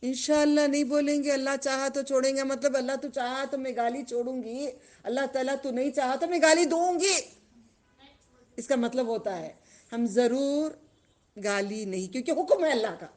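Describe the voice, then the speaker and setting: High-voiced woman teaching religion to children. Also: darkish tone. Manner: questioning the class, drawn-out chanting of phrases.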